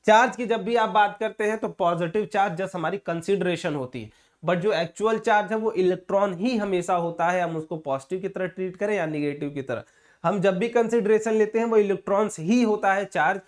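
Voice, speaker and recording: A man's voice: sits high, brisk. A male physics teacher giving an online exam-prep lesson, casually calling students brother and asking rhetorical check-in questions as he explains. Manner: mixes English terms into Hindi explanation.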